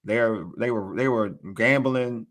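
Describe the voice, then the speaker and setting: A man hosting a casual sports podcast, talking in an animated, hyped way that swings from loud excitement to quiet asides, often repeating himself and ending lines with "man". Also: medium pitch, slow pace. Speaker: podcast host.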